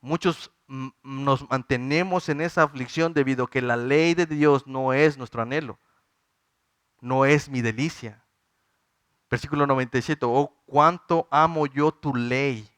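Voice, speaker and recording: Mexican male pastor, 30s, earnest pleading sermon, smooth voice, dry close sound. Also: medium pitch, moderate pace, a bit bright, no echo. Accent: Mexican Spanish. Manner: earnest, pleading, addresses the congregation as brothers.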